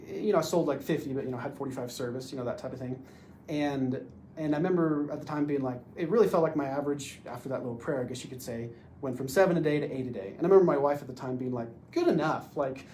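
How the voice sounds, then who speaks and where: A man's voice: medium pitch, warm tone, a little hiss or hum. A man telling his own story as a podcast guest, rambling with lots of filler words. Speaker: podcast guest, door-to-door salesman. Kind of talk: casual storytelling.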